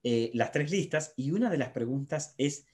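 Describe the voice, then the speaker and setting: A man's voice: medium pitch, animated, normal speed, darkish tone. A man, a psychologist, talking animatedly about parenting and filling his speech with tag questions. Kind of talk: conversational talk on parenting.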